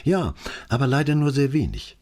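A man voicing a brisk, capable woman secretary with a matter-of-fact manner. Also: mid-range voice, big pitch swings, a little mellow, pitched above the performer's own voice, close to an everyday voice.

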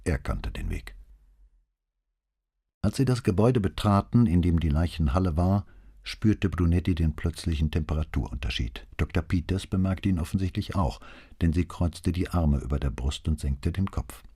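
A man narrating an audiobook in an even, measured way. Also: low-pitched, breathy edge. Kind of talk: audiobook reading.

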